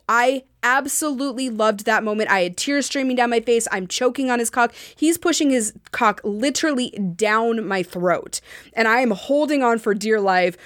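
A young adult woman co-hosting a podcast, telling a candid personal story in an animated way, full of "like" fillers and swearing. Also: fairly high pitch, no echo, studio quality. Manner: frank and animated, with frequent "like" fillers and profanity. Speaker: podcast co-host.

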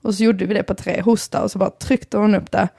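A woman's voice: medium pitch, fairly even intonation, gravelly, warm tone, husky, no echo, studio quality. A woman in casual chat, playful and teasing.

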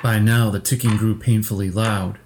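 A man narrating a horror story slowly and steadily for a podcast. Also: fairly low pitch, flat delivery, background noise. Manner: slow, measured storytelling.

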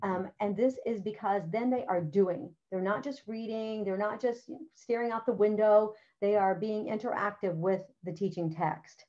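In a slightly dull, lo-fi recording, a middle-aged woman presents a writing curriculum to other teachers as an instructional walkthrough. Her voice is mid-range and dark, with fairly even intonation, a normal speed and few pauses, and she's practical and chatty, often saying "all right" and "okay."

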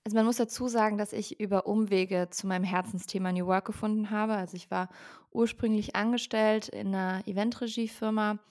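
A woman's voice: medium pitch, fairly even intonation, brisk, a little mellow. A woman in her twenties, a company founder, speaking as a podcast guest and explaining fluently with frequent ähm fillers. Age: 20s. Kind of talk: podcast interview.

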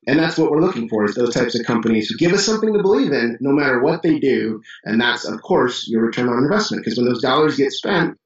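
A man from Chicago with a Chicago accent, a business owner telling stories as a guest in a casual interview, animated and full of restarts. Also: medium pitch, reverberant, far from the mic, lo-fi sound. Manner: animated storyteller, many restarts and fillers.

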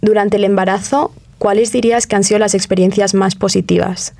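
A woman host with a mellow tone asks her guest gentle, guiding questions. Her voice is close and dry, and she keeps the talk easy and encouraging. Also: mid-range voice, little pitch movement, a little fast, vocal fry, no room sound. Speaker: podcast host interviewer. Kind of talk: casual interview.

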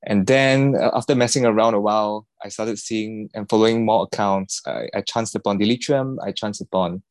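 A man answering podcast questions in a relaxed, halting way. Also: fairly low pitch, no echo. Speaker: podcast guest, watch collector. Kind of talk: casual interview answers.

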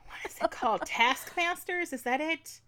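A woman's voice: high voice, normal speed, pushed and bright. A woman co-hosting a podcast in casual chat, bubbly, laughing often and swearing freely. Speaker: podcast co-host.

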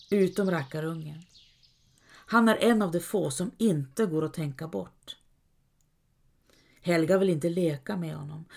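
A woman reading a story aloud as calm scripted narration, lightly voicing quoted characters. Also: fairly low pitch, gravelly. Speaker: audiobook narrator.

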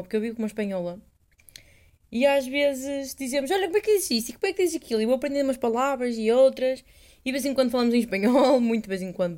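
A woman's voice: on the high side, darkish tone. A young woman with a European Portuguese accent, hosting a casual solo podcast, rambling, swearing freely and poking fun at herself. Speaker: podcast host.

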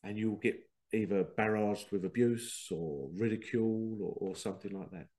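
In this casual spiritual monologue, the podcast host rambles and often acts out quoted exchanges. A head cold leaves his lowish, slightly mellow voice congested, and he keeps a moderate pace.

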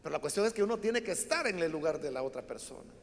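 A man's voice: fairly high pitch, animated, fast, creaky, big-room sound. A man preaching a sermon, telling Bible stories dramatically and acting out the voices of the people in them. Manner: dramatic storytelling, acts out quoted voices.

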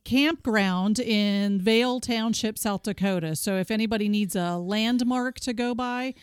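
A woman's voice: mid-range voice, a little slow, smooth, no room sound. A woman co-hosting a podcast in casual chat, upbeat and chatty, steering the conversation. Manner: chatty, upbeat, leads the topics. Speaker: podcast co-host.

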